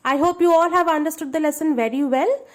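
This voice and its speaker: A woman's voice: sits high, fairly quick. A woman teaching a grammar lesson to schoolchildren, explaining patiently and checking that they understand.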